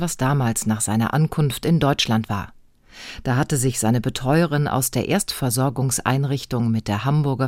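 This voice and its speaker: A woman reporter narrating a scripted radio feature in an even, clear voice. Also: sits low, no echo, studio quality.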